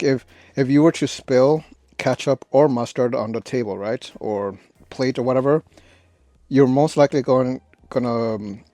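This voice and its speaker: A man giving a casual, unscripted snack review in a rambling, halting way, often correcting himself. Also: mid-range voice, darkish tone, dry recording. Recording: noisy, clicks and crinkling bag rustle. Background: crinkling snack bags and clicks.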